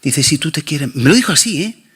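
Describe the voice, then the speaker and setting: A man preaching a sermon as pastor, swinging between loud and soft passages. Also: fairly high pitch, lively intonation, brisk, slightly rough.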